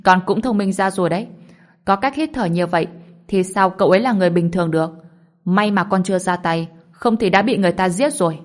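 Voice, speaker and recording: A woman voicing an old male clan patriarch who scolds his sons in a commanding, loud voice, in a storybook reading. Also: fairly low pitch, fast, natural voice. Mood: stern scolding.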